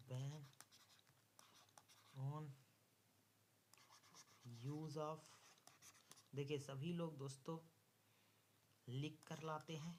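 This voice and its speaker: Over faint background noise, a man with an Indian accent dictates an exam lesson one step at a time, echoing phrases word by word as he writes. His voice runs a little high with a darkish tone.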